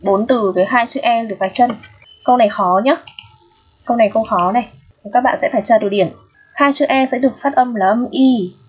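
A woman's voice: on the high side, brisk, slightly rough. A woman teaching an English exam review lesson, patient and repetitive, often checking that students understand. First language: Vietnamese. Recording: dull lo-fi recording.

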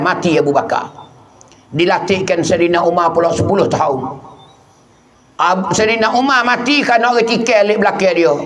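Patani malay guy preaching, pretty high voice, tells the story and says things over and over. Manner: repeats phrases for emphasis. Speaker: Islamic preacher. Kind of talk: storytelling sermon. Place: outdoor field at night.

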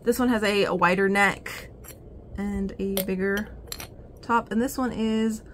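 A woman's voice: medium pitch, steady tone, a little slow, fairly bright tone, a little hiss or hum. A woman chatting casually through a haul vlog, rambling and giggling with many ums and restarts. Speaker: vlogger showing an oddities haul.

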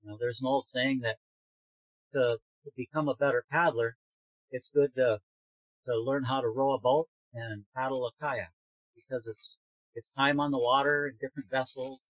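A man in his fifties from Minnesota, a canoe builder giving an unhurried, thoughtful guest talk to a class over a video call from his home study, with frequent pauses and fillers. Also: mid-range voice, fairly even intonation, fairly bright tone, husky, no room sound, poor audio. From Minnesota, USA. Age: 50s. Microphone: webcam video call.

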